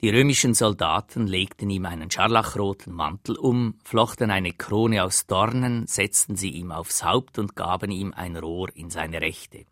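A man's voice: sits low, unhurried, few pauses, a bit bright, no room sound, studio quality. A man preaching a sermon as a dramatic, earnest first-person retelling.

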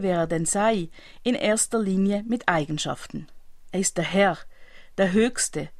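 A woman preaching, giving a calm, measured, explanatory reflection in a scripted style. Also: mid-range voice, no room sound.

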